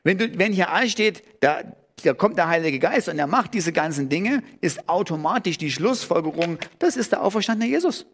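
A man's voice: sits high, lively intonation, moderate pace. A man preaching a sermon in German, thinking aloud with restarts and rising sharply on key words. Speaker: pastor.

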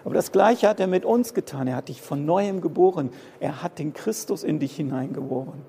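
Gravelly-voiced man preaching in a hall. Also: fairly high pitch, expressive, fairly quick, warm tone, slight background noise. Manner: impassioned, repeats phrases for emphasis. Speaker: pastor. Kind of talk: sermon. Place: church hall.

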